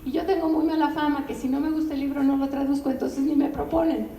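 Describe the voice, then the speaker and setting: An older woman, a literary translator giving an animated, conversational talk and often turning to the audience with asides. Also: high-pitched, fast talker. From Mexico. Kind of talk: anecdotal public talk. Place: bookstore event room. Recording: roomy, distant, faint ambient noise.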